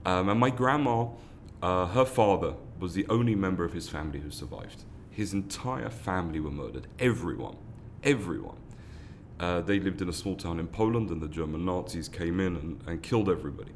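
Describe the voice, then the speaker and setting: Low and animated, a man's voice runs a little fast as he gives earnest interview answers, restarting and repeating words often. He is a foundation founder in his 30s from London, England, and a little hiss or hum can be heard.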